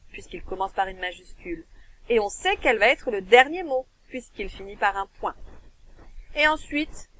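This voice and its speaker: A woman with a French accent, teaching a recorded dictation lesson to children, dictating slowly and splitting words into syllables. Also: fairly high pitch, fairly bright tone, poor audio. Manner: slow, clear dictation, stretching words and syllables. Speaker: primary school teacher.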